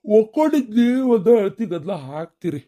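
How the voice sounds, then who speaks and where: Low, grumpy old husband. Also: female voice, big pitch swings, moderate pace, dark tone. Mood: grumbling. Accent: North Karnataka Kannada. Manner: grumbling, dismissive. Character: grumpy older husband, gruff.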